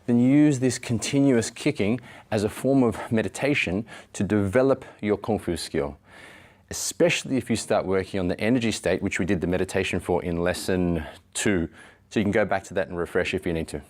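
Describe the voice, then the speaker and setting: A man's voice: sits low, fairly quick, darkish tone. A man in his thirties giving an instructional martial arts demonstration, explaining it step by step. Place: indoor training studio. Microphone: lapel mic.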